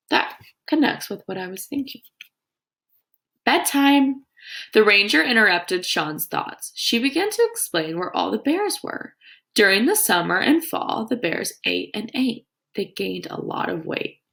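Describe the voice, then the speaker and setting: A woman teacher with a creaky voice reads aloud to young children, instructive in tone and adding her own comments and questions. Her pitch is fairly low and the sound a little bright.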